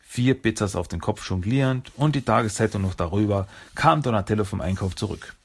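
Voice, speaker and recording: A man reading a storybook aloud in a measured, storytelling manner. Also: fairly low pitch. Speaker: narrator. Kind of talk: scripted storybook narration.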